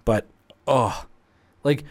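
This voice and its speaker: A young man co-hosting a podcast, excitable and swearing in casual chat. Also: extremely slow, crowd noise. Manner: excitable, swears, restarts often. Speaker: podcast co-host.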